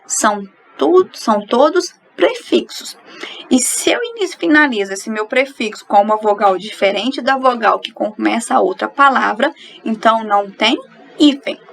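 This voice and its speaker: A woman's voice: on the high side, expressive, moderate pace, vocal fry, a bit bright, slight background noise, poor audio. A woman teaching a recorded grammar lesson, explaining each rule and then asking and answering her own questions.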